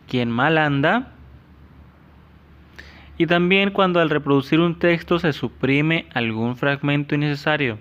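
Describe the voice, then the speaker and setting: Ecuadorian guy teaching kids, slow and careful, kinda dull lo-fi sound. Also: medium pitch, a bit bright. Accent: Ecuadorian Spanish. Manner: slow, careful explaining to children. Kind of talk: classroom lesson.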